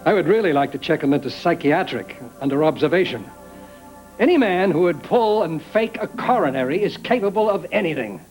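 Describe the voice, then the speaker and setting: An actor playing a stern, exasperated family doctor in a 1990s soap opera, with a brisk, clipped manner. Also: male voice, fairly high pitch, expressive, a little mellow, soft background music, low-quality recording. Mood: clinical.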